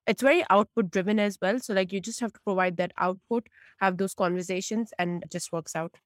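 A woman's voice: medium pitch, brisk, no room sound. A woman in her late twenties from Pakistan, a tech consultant chatting candidly as a podcast guest. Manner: chatty, candid, many restarts. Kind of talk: podcast interview.

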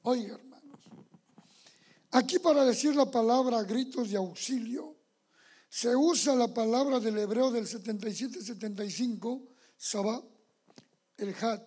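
A man's voice: very high voice, a little slow, pauses often, a little mellow, husky. A man preaching a sermon as pastor, fervent and calling his listeners brothers.

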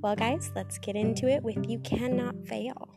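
A woman's voice: on the high side, fairly even intonation, normal speed, over loud music. A woman hosting a podcast, speaking casually to her listeners as she introduces an episode. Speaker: podcast host.

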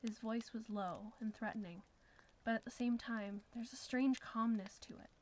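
Woman narrating horror in hushed whispers. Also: a little high, fairly even intonation, moderate pace, low-quality recording. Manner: hushed, often whispered reading. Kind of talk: scripted horror story narration.

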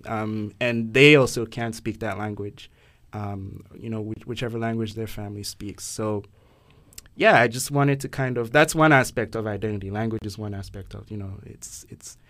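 A man's voice: fairly low pitch, normal speed, fairly bright tone. A young man from Ghana hosting a casual podcast discussion, thoughtful and hesitant, with many fillers and restarts. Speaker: podcast host.

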